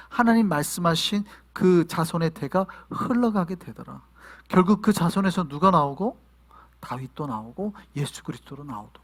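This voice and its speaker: A male pastor preaching a sermon to his congregation, asking them questions and sometimes shouting. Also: sits high. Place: church in New York.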